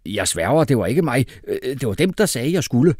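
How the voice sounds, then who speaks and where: A man voicing an excitable uncle who talks loudly. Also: medium pitch, no echo, studio quality. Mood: pleading. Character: excitable middle-aged uncle, loud.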